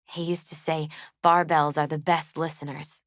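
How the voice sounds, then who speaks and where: A gentle woman in her twenties voices a grieving video game character, her fairly low voice recorded dry with no room sound around it. She sounds subdued and wistful, hesitating naturally and without strain, delivering lines flatly at normal speed. The mood is fond and reminiscent.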